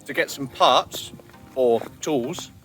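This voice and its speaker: An English man co-hosting a car vlog, talking in a dry, deadpan, sarcastic way. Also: medium pitch, slow pace, soft background music. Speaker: co-host mechanic. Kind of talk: casual banter while filming.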